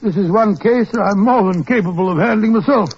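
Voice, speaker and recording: An actor playing a blustering, self-assured gentleman doctor with a British accent in a 1940s radio drama. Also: high-pitched, a little fast, husky. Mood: pompous, indignant. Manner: pompous, blustering. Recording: dull old 1940s radio recording.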